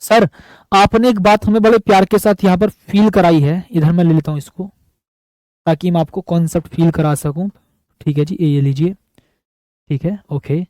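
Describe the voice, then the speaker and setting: A man's voice: high-pitched, fairly even intonation, moderate pace, darkish tone, dry recording, rough recording. A man teaching physics at a board in an affectionate, repetitive way, often calling his students buddy. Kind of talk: board lecture.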